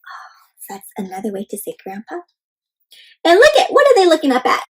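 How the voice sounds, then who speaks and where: A high, wildly swooping voice carries over a noisy background as this woman reads an interactive storybook aloud for small children. Fairly quick, she calls her listeners friends and keeps putting questions to them.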